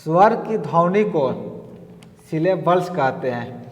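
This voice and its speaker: A man's voice: a little high, lively intonation. A male teacher giving an exam-prep lesson, explaining step by step and repeating points. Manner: slow, explaining step by step with repetitions. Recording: long reverb.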